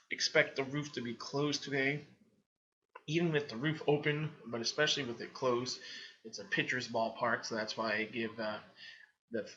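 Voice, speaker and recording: A man's voice: medium pitch, pushed and bright, dull audio. A man with a Boston accent giving a casual weather rundown, talking loosely with many fillers. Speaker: weather analyst. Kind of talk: casual screen-share commentary.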